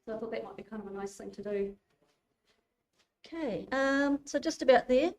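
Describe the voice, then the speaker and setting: A woman giving a relaxed public talk, informal and chatty with many fillers and restarts. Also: on the high side, moderate pace, distant mic. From New Zealand. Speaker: guest speaker. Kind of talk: public lecture. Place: community hall. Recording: echoey hall, voice from afar.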